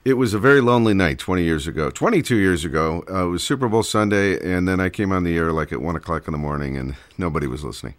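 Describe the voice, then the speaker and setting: Man, radio host, low voice, easygoing, laughs often. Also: quick pace, few pauses. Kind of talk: casual radio interview.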